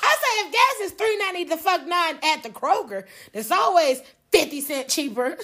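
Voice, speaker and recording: A woman hosting a casual podcast chat, profane and quick to laugh, who also reads the show's outro. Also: very high voice, very animated, sharp tone. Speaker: podcast host.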